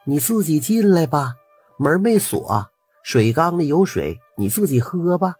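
A man voicing a ghostly young village woman who speaks softly and coaxingly from inside her lonely house. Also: a little high, very animated, unhurried, slightly rough, dry recording, faint music behind, voice pushed up, full character voice. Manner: gentle, hospitable, softly coaxing.

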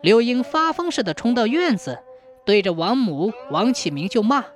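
A woman telling a dramatic folk tale as a storyteller, in an expressive way. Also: moderate pace. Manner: expressive, sweeping pitch.

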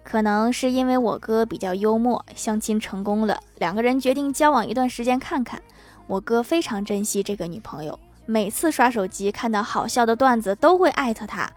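A woman tells short comic anecdotes in a scripted narration style. Her voice sits fairly high, and she adds a deadpan remark after each punchline. Faint music plays under her voice. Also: moderate pace. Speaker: joke-telling narrator.

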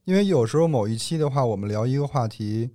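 A man's voice: medium pitch, lively intonation, fast, mellow, no room sound, clean studio sound. A man co-hosting a podcast in casual chat, playful and self-mocking. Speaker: podcast co-host.

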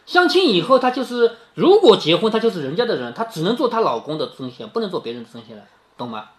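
A man's voice: sits high, big pitch swings, fast. A man reading a classic novel aloud to his daughter, retelling each passage in plain words and often checking with her with little questions. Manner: keeps checking with questions like "right?".

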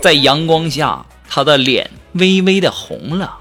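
A man's voice: fairly high pitch, sing-song, unhurried. A man telling cheeky comic stories, laughing at his own jokes. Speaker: comic storyteller. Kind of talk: humorous monologue. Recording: music behind the voice.

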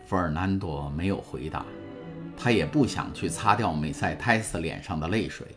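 Deep-voiced male audiobook narrator. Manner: measured, calm storytelling. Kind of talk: scripted narration. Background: faint music.

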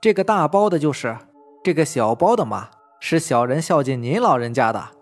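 A man voicing a flustered young servant who flatters and stammers. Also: fairly high pitch, moderate pace, faint music behind. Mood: fawning.

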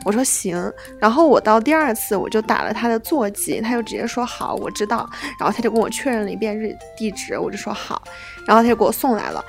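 A woman in her twenties co-hosting a podcast, chatting casually and telling stories with lively acted-out voices. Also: on the high side, racing, vocal fry, few pauses, faint music behind. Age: 20s. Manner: lively storyteller, acts out the people in her stories. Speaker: podcast co-host. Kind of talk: casual chat.

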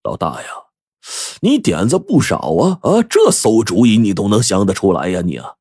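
Brief: a man playing a stern old grandpa, scolding, lively swoops. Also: fairly low pitch, normal speed, breathy edge, no echo, studio quality, full character voice. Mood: reproachful. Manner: scolding, grunting "hmph". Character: stern old male grandfather, company patriarch.

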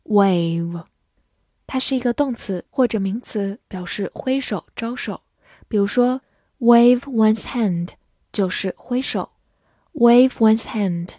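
Slow, careful woman teaching vocabulary. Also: medium pitch, warm tone, no room sound, studio quality. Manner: spells words letter by letter and reads sentences slowly. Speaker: English teacher. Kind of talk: vocabulary lesson.

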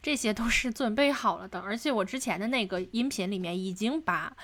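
A woman hosting a casual commentary podcast in a relaxed, chatty way. She speaks at a middle pitch and adds wry asides. She slips English words into her talk as she goes. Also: a little fast. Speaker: podcast host.

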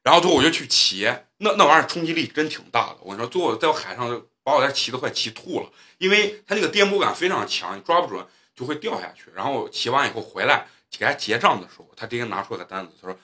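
A man's voice: medium pitch, animated, fast talker, hardly any pauses, pushed and bright. A man hosting a casual podcast, telling travel stories in a boisterous, profane, joking way. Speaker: podcast host. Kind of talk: casual storytelling chat.

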